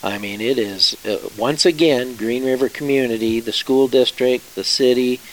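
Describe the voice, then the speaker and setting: A man's voice: mid-range voice, moderate pace, rough recording. Enthusiastic man with faint hiss. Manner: enthusiastic, talkative. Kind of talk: casual interview chat.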